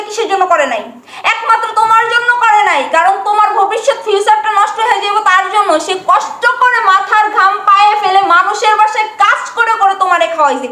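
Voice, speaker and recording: A woman playing a bright, reproachful young wife. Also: very high-pitched. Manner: lecturing, reproachful. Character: righteous young wife defending her mother-in-law. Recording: echoey room.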